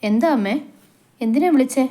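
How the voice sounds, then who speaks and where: A woman voicing a tearful young woman, an anxious daughter in love who pleads in a high, strained voice. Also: lively intonation, normal speed, mellow, natural voice. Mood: soft, hesitant.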